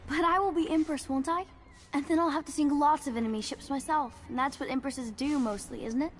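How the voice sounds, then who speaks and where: A woman acts an eager little girl for a video game. The voice is high, precocious and full of questions, with a bossy certainty. Clear noise sits behind it. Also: fairly quick, close to an everyday voice. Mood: eager, curious. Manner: precocious, earnest, inquisitive.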